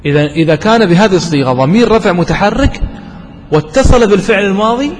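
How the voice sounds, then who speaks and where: A man teaching a grammar lesson, quizzing his students and slowing down to stress key terms. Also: sits high, lively intonation. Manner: asks students questions and answers them himself. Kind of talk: classroom lesson. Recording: distant voice with long reverb and faint noise.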